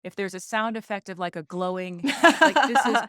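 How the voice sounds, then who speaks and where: A woman's voice: lowish voice, brisk, a bit bright, clear, resonant tone, no room sound, clean studio sound. A woman hosting a podcast, effusive and encouraging in a playful, casual interview chat. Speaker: podcast host.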